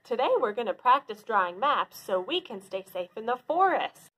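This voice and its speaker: With a slightly high, a bit bright voice and big pitch swings, a woman acting as a children's librarian walks young viewers through an explanation one simple step at a time. She keeps a moderate pace.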